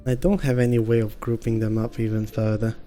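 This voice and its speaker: A man hosting a gaming channel, calmly thinking aloud through his tactics as let's-play commentary. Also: lowish voice, brisk. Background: game music.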